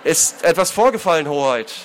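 A man's voice: on the high side, expressive, a little fast, slight background noise, pitched above the performer's own voice, close to an everyday voice. A man voicing a puzzled, anxious male mercenary who pleads and asks bewildered questions.

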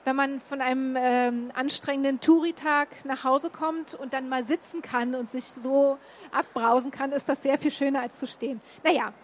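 Showing slides in a relaxed talk, this Berlin-born woman tells of her time in Japan, her speech full of fillers and restarts. Her high voice keeps a steady tone at a moderate pace, with a little hiss or hum in the recording.

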